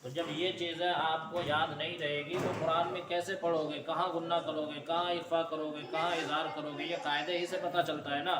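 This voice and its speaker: High-voiced man teaching recitation in an echoey room. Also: level tone, far from the mic, a crowd in the background. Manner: slow, drawn-out chanted examples between firm, patient explanations. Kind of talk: tajweed lesson, modeling recitation for a pupil to repeat.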